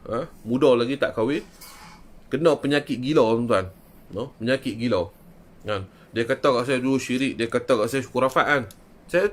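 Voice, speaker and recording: A man with a northern Malaysian accent, a traditional Islamic healer talking to viewers on a live stream. He keeps asking rhetorical questions and addresses his listeners directly. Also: mid-range voice. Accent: northern Malaysian Malay (Kedah).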